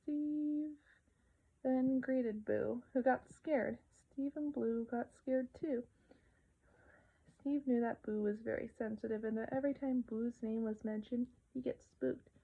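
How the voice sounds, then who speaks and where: Woman, casual storyteller, higher voice, tinny narrow recording. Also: steady tone, measured pace, creaky. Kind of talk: casual retelling of a children's episode. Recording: narrow phone-like sound.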